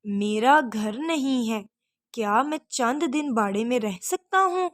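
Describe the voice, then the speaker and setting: Storybook rooster, humble and pleading, slow delivery, read by a woman teacher. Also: fairly high pitch, lively intonation, no room sound, clean studio sound. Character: homeless male rooster asking for shelter.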